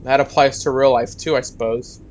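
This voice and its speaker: A man's voice: mid-range voice, steady tone, moderate pace, darkish tone, a little hiss or hum, low-quality recording. A young man giving casual, rambling gameplay commentary, muttering to himself and joking at his own expense. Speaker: gaming YouTuber.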